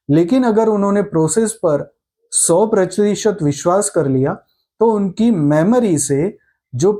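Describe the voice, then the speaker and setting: Slow, mellow-voiced male meditation guide. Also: sits high. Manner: calm, unhurried, reassuring explanation; slower and softer when guiding the meditation.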